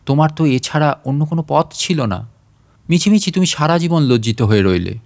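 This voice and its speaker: A man reads a literary story aloud as narrator, his first-person delivery expressive, reflective and measured. His voice is a little high.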